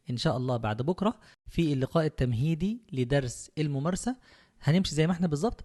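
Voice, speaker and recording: A young man with an Egyptian Arabic accent teaching an English lesson, patient and encouraging, with slow repetition. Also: fairly high pitch, mellow. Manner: patient, encouraging, repeats slowly. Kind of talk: online language lesson.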